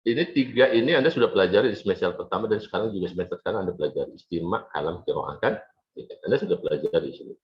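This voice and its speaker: Fast-talking low-voiced male lecturer. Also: animated, dull audio. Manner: explanatory, repeats points to students. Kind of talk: university lecture.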